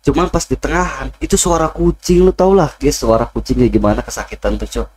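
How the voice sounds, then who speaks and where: A young man co-hosting a reaction video, talking in a relaxed, agreeable way and thinking aloud. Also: mid-range voice, fairly quick. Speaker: co-host. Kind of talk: casual reaction chat.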